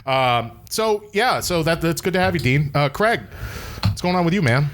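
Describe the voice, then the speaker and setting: A man co-hosting a casual podcast chat in a relaxed, easygoing way. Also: fairly high pitch, moderate pace, noisy background. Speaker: co-host.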